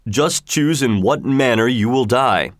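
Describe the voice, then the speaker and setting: A fierce male genie spirit who speaks slowly and with grim command, as a man reads him. His tone is steady and unyielding. The sound is dry and close. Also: medium pitch, dry recording, natural voice. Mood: stern. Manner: slow, stern, commanding.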